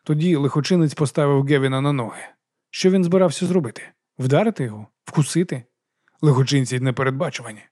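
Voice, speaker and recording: A man narrating an audiobook with steady storytelling delivery. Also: medium pitch, fast, no echo, studio quality. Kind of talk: scripted narration.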